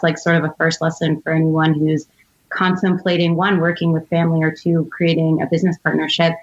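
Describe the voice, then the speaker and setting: A low-pitched American woman in her thirties, an entrepreneur from outside Philadelphia, is interviewed as a podcast guest and recounts personal stories with articulate, reflective conversation. The audio is dull.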